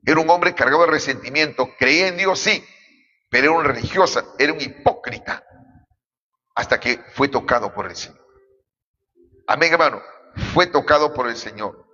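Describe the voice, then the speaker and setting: A man's voice: a little high, lively intonation, moderate pace, pauses often, pushed and bright. A man from Peru, a pastor preaching a fervent sermon and constantly calling out to the congregation. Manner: fervent, repeatedly addressing the congregation. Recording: dull echoey hall recording.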